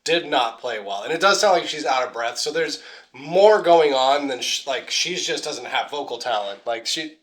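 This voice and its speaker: A man's voice: medium pitch, expressive, moderate pace, fairly bright tone. A man in a casual reaction chat who gives a blunt critique and restarts his sentences often.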